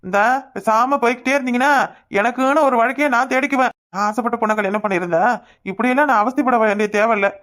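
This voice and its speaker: A woman's voice: on the high side, fast, fairly bright tone, natural voice. A woman voicing an irritable, dismissive husband in a cartoon, talking brusquely and ordering others about. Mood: irritated, dismissive. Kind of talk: cartoon voice acting.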